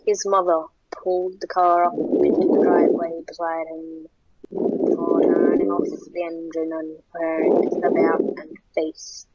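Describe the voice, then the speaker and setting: A narrator reading a horror story aloud in a slow, even way. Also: medium pitch. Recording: dull lo-fi with faint noise.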